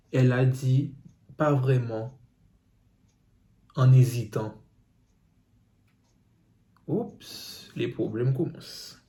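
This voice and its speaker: A man's voice: medium pitch, mellow. A man reading out viewer secrets on his phone and reacting to them with teasing asides. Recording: roomy echo.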